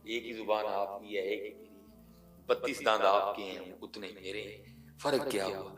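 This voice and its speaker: A man preaching an emotional sermon, telling a story and repeating phrases for emphasis, swinging from hushed to loud. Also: fairly low pitch, steady tone, soft background music. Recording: echoey room, voice from far off.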